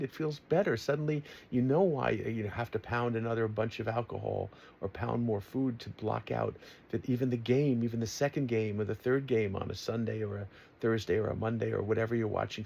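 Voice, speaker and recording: A man of sixty-seven with a Queens New York accent, speaking in an earnest, free-associating ramble that halts and then rushes. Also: lowish voice, creaky, darkish tone. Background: music.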